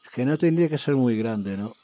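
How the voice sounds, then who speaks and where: Lively, excitable man narrating gameplay. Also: mid-range voice, fairly quick. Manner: talks to himself and viewers while exploring, excitable. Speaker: gaming video creator. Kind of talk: casual gameplay commentary.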